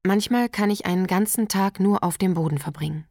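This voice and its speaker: A woman narrating a literary text in a quiet, measured, intimate way. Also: medium pitch, dry recording, studio quality. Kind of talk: literary reading.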